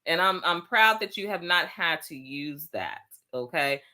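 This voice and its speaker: A woman hosting a casual talk show, chatting in a slangy, animated way and reading out listener comments. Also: on the low side, measured pace. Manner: animated, slangy, acts out quoted friends. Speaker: host.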